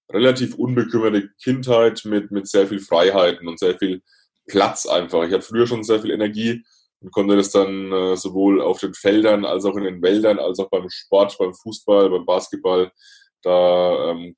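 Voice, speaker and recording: A man, a podcast guest speaking reflectively, with pauses and restarts. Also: fairly low pitch, darkish tone. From Franconia, Germany. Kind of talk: podcast interview.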